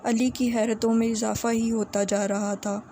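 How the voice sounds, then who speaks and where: Brief: woman audiobook narrator, flat and mellow. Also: fairly high pitch, a little hiss or hum, rough recording. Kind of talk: scripted narration.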